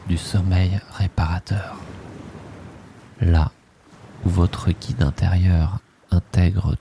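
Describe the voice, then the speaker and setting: A man leading a guided sleep hypnosis in a soft, soothing, hushed voice, in short drifting phrases that often sink into a breathy whisper. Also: deep voice, slight background noise.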